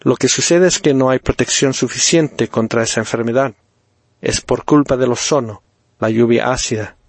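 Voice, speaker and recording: A man playing a solemn, pompous doctor who lectures gravely with theatrical pauses. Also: mid-range voice, no room sound, natural voice. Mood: grave lecturing. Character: solemn middle-aged male doctor, pompous.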